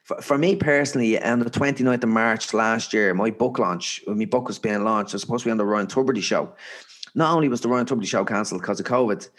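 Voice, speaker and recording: A man's voice: fairly low pitch, fast talker. Earnest Irish man, motivational podcast guest. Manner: earnest, emphatic, repeats phrases for stress. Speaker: podcast guest, author and speaker. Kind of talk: conversational motivational interview.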